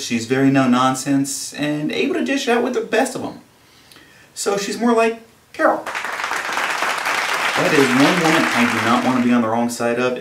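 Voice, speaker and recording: A man's voice: medium pitch, background noise. A man hosting a satirical comedy news show, delivering wry, sarcastic commentary. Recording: roomy, distant mic with music and audience laughter.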